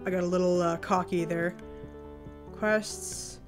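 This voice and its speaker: A woman's voice: fairly low pitch, over music. Chatty woman streamer narrating gameplay. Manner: chatty, animated, quick exclamations. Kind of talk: casual gaming commentary.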